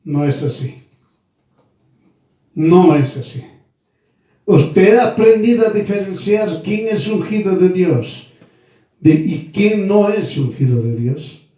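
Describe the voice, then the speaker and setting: A man delivering a sermon in a slow, deliberate way, leaning on repeated phrases. His voice sits a little high but has a dark, mellow tone. He sounds set back from the mic in a strongly echoing room. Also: lively intonation. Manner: addresses listeners formally as brother and sister. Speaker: preacher. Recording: very echoey room, voice from far off.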